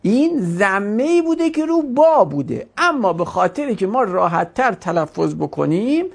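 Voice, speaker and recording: Animated, gravelly-voiced grammar teacher. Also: mid-range voice. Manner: questioning, drawn-out explaining. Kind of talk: classroom grammar lesson.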